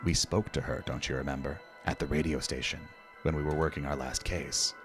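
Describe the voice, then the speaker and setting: A hushed eldritch inspector, with his words kept low and slow, as a man puts him on. Deep and subdued, with a faint music bed underneath. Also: fairly even intonation. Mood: quiet, troubled. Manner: low, murmured, measured. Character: quiet, brooding otherworldly male inspector.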